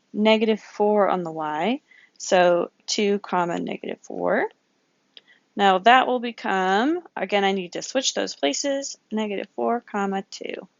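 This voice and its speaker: A woman's voice: mid-range voice, vocal fry, dry recording, dull audio. A woman teaching a recorded geometry lesson, working problems aloud, counting grid squares and correcting herself as she goes. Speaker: math teacher.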